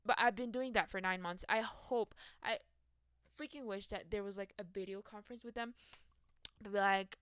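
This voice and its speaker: A woman's voice: mid-range voice, steady tone, moderate pace, fairly bright tone, smooth, no echo. A young adult woman in a rambling, profane, self-mocking casual rant about her work. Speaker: vlogger.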